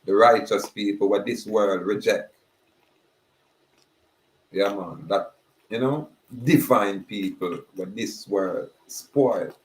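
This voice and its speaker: A man giving a slow, emphatic preaching monologue. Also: on the low side, a little hiss or hum. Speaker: spiritual speaker. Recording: roomy echoey recording.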